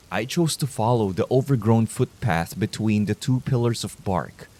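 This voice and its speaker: A man calmly narrating horror stories meant for sleep, in a measured, low-key delivery. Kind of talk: calm scripted sleep-story narration.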